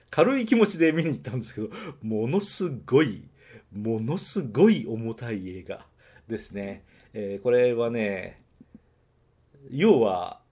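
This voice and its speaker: A man from Nagoya hosting a podcast, chatting casually about a film and correcting himself as he thinks aloud. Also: medium pitch. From Nagoya, Japan. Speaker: podcast host reviewing films. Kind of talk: casual solo film review.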